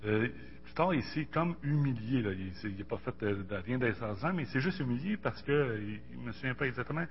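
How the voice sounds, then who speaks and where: A man in his forties with a Québécois French accent, speaking casually about faith and personal experience in a halting, colloquial way with many repeated words. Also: medium pitch, expressive. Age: 40s. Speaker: Bible study participant. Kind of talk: casual religious discussion with personal testimony. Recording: muffled lo-fi audio, faint hum.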